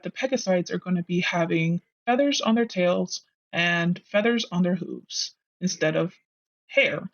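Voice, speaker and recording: A host talking through a voice changer, chatting casually and rambling a bit while walking through character redesigns. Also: medium pitch. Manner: chatty, self-correcting, rambling. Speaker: drawing channel host.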